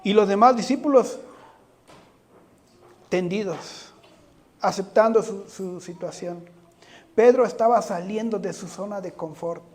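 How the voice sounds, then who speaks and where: A man's voice: high voice, measured pace, long pauses. A man preaching a sermon, speaking earnestly, often putting rhetorical questions to the congregation and addressing them directly.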